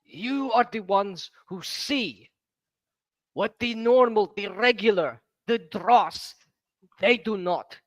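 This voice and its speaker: A man's voice: high-pitched, dry recording. A man voicing a fervent zealot warrior in a tabletop game, declaiming emphatically and rallying outcasts. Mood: solemn, preaching. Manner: declamatory, slow emphatic oratory with shouted bursts.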